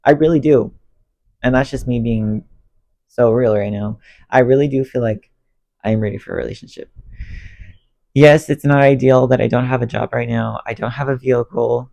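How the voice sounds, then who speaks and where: Speaking to a phone on a stand beneath a ring light, a man cleans his bedroom while ranting emotionally to camera. His medium-pitched voice is creaky, congested, and fading, and his rambling self-talk swings expressively.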